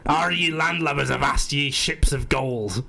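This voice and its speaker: A man's voice: a little high, a little slow, creaky, pushed and bright, exaggerated voice. A young man putting on a generic pirate voice, drawn out and growling in pirate slang, in a radio studio. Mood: mocking. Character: generic gruff pirate, male, insulting.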